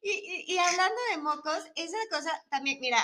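Mexican woman podcast co-host, bright and slangy, ranting freely. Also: extremely high pitch, fairly quick. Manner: emphatic, slangy, full of disgust and rants. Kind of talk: casual chat.

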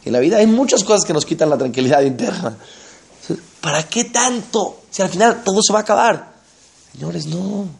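A man giving an animated sermon, telling stories and asking the audience rhetorical questions. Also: high-pitched, moderate pace, creaky, breathy edge. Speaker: religious teacher.

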